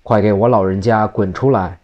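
A man voicing a mischievous mad old monk who taunts his foe with rowdy shouts. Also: on the low side, fairly even intonation, normal speed, muffled recording, close to an everyday voice. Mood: taunting.

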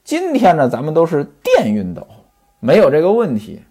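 A man's voice: fairly high pitch, wildly swooping pitch, moderate pace, mellow, slightly rough. A man telling a classic tale in traditional storytelling style, chatty and stopping to explain old customs to his listeners.

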